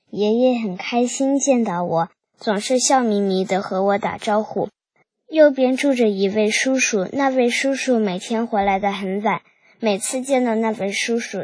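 A woman reads a first-person account aloud, keeping a steady, measured pace. Her voice is slightly breathy and sits in a middle pitch. It is recorded close and dry, with no room sound. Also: dry recording.

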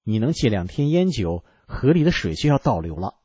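A man's voice: on the low side, sing-song, brisk, mellow, husky, dry recording. A male narrator reading the lines of a doubtful, practical young wife in a blunt, matter-of-fact way, close to his own voice. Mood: scornful.

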